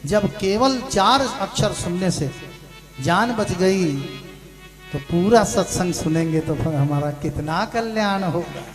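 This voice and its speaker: High-voiced male preacher telling a parable. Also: expressive, slow pace, over music. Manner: shifts between hushed storytelling and loud shouted punchlines. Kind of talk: sermon storytelling with acted dialogue.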